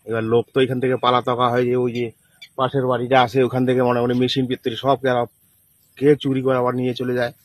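A man's voice: medium pitch, completely flat delivery, fairly quick, no room sound. A man in his forties with a North Bengal Indian accent giving a spontaneous interview outdoors as a villager. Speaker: local villager. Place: outdoors in open fields.

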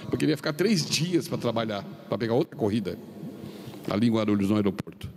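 A middle-aged Brazilian man preaching as a pastor, telling a story with quoted dialogue and swinging his pitch up and down. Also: expressive, fast. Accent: Brazilian Portuguese. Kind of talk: sermon storytelling. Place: large arena. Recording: long reverb of a large arena, faint noise.

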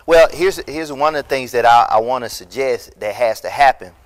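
Recorded on a lapel mic in a deserted church hall, this middle-aged man preaches as pastor at a moderate pace and medium pitch. He's impassioned and emphatic, his delivery swelling into loud peaks.

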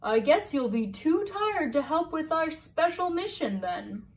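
A woman's voice: sits high, sing-song, unhurried, far from the mic, pitched above the performer's own voice. A woman voicing a second astronaut in a storybook, friendly and teasing.

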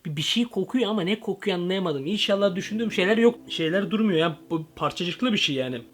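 Young guy w a slightly high voice, excitable slangy vlog chatter, jumps between asides. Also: quick pace. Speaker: comedy vlogger. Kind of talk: comedic parody vlog.

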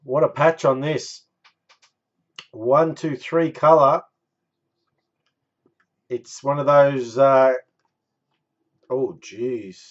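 A man's voice: medium pitch, steady tone, drawn-out words, pauses often, muffled recording. A man in his thirties hosting a live card break, calling out numbers and winners with catchphrases like a bingo caller. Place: small indoor room stacked with boxes.

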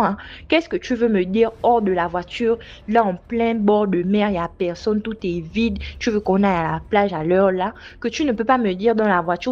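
Recounting a night out in a relaxed, lively way, this young woman acts out the people she quotes, leaping up and down in pitch. The sound quality is lo-fi and slightly dull.

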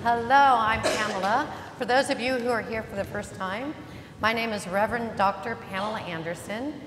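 A woman's voice: a little high, normal speed, music in the background. A woman pastor giving an Easter sermon in a church, chatty and joking as she welcomes the congregation. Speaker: interim pastor. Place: church sanctuary. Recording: reverberant church hall, faint ambience.

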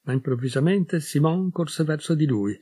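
A man with an Italian accent reading a literary short story aloud in a measured, expressive storytelling manner. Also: a little high, husky, no echo, studio quality. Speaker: audiobook reader. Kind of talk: scripted literary narration.

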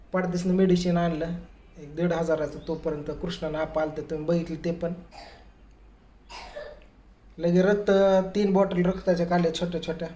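Storytelling man in an echoey room. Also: fairly high pitch. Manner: lively retelling that acts out others' quoted words. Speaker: family vlogger. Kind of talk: casual storytelling to camera. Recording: echoey room with faint ambient noise.

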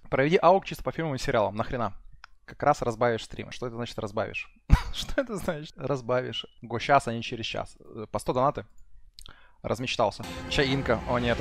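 A man's voice: mid-range voice, no room sound. A man in his thirties chatting casually on a gaming stream, swearing and repeating himself in a self-deprecating way. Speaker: live game streamer. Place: small room indoors. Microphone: headset boom mic.

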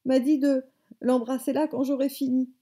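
A woman's voice: sits high, flat delivery, moderate pace, warm tone, slightly rough, voice pushed up. A woman reading aloud voicing an old grandmother who is tearful and outraged, her voice raised and whimpering.

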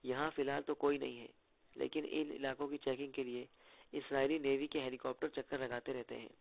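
Earnest, careful male guide, read by a man, gravelly, tinny line. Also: medium pitch, little pitch movement, brisk, no room sound. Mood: cautious. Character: serious, cautious male local guide. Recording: tinny phone-like lo-fi audio.

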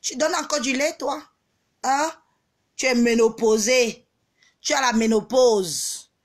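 A high-pitched woman delivers a scornful vlog rant. She taunts slowly, dragging her words out, then breaks into shouts and mocking laughter. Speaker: vlogger. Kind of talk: angry social media rant.

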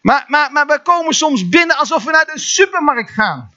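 Animated, bright-voiced preacher man with a Dutch accent. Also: extremely high pitch, moderate pace, muffled recording. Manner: animated preaching with many repeated words and sudden exclamations. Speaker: pastor. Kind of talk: sermon. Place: church hall.

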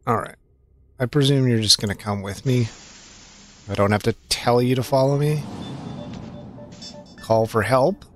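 A man's voice: medium pitch, a little slow, pauses often, faint music behind. A young man giving playful, joking commentary while playing a point-and-click game. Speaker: streamer. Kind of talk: casual gaming commentary.

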